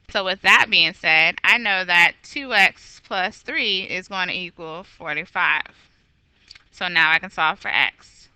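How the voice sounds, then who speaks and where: A woman's voice: medium pitch, bright, forceful tone, smooth, no room sound, poor audio. A woman teaching a recorded geometry lesson, walking through problems patiently and correcting herself aloud. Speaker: math teacher.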